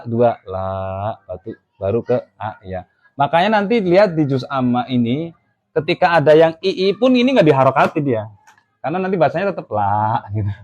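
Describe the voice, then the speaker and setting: A man's voice: mid-range voice, darkish tone, muffled recording. A man teaching a class on Arabic letter pronunciation in a mosque, patiently explaining and counting out beats as he drills the sounds. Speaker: Quran reading teacher. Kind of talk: classroom lesson.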